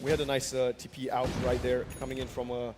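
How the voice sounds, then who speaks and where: A man's voice: medium pitch, monotone, quick pace, noisy background. A man hosting a live esports broadcast, giving commentary and recap of the match. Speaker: esports caster and host.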